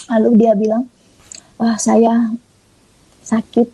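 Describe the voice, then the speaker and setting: A woman from Indonesia tells her testimony in a conversational, animated way and acts out each line of quoted dialogue. Her voice sits a little high and is soft and husky with a mellow tone. The sound is dry and close. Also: slow, no echo, rough recording. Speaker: guest giving a testimony. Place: online audio room.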